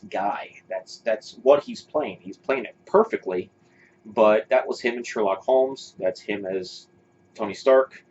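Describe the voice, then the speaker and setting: A fairly low, darkish, slightly rough male voice moves at a somewhat slow pace. He's a podcast co-host chatting casually, voicing opinions and rambling with fillers and restarts, captured in dull lo-fi sound with faint hiss.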